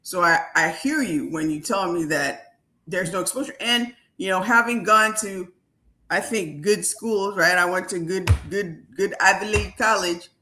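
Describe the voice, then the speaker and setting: A woman's voice: on the low side, normal speed, sharp tone, slight background noise. A woman from Haiti hosting a live video chat as a wealth coach, talking in an upbeat, emphatic way.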